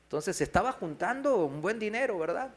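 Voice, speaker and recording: In a church hall, a pastor with a high, expressive voice speaks a little fast as he gives a sermon testimony. He tells a story, acts out the voices of the people he quotes, and asks the congregation questions.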